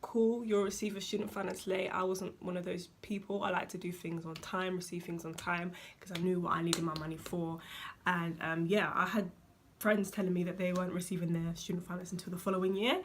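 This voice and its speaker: A young woman talks her viewers through money tips in a casual, emphatic way, repeating her points and dropping slang. Her voice sits low with a gravelly fry. A faint room background runs underneath. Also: little pitch movement, brisk, slight background noise. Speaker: vlogger. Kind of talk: casual advice talk to camera.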